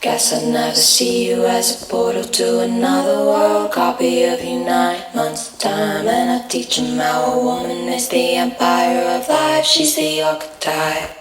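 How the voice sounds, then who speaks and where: A woman's voice: a little high, measured pace, hardly any pauses. Woman, robot-like vocal effect, stacked harmonies, roomy sound, heavy backing track. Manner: stacked harmonies with an octave-down layer. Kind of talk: singing a layered demo vocal. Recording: roomy effected vocal over loud music.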